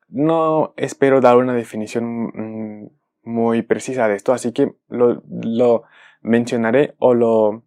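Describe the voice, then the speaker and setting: A man, a native speaker, giving a careful explanatory video lesson, often pausing to rephrase himself. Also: medium pitch, dark tone. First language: Spanish. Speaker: language teacher.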